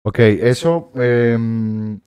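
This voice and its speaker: A man's voice: mid-range voice, extremely slow, mellow, clear, resonant tone. A young man from Medellín with a paisa accent, hosting a podcast and asking questions in a joking, swearing casual way. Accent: paisa (Antioquia). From Medellín, Colombia. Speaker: podcast host.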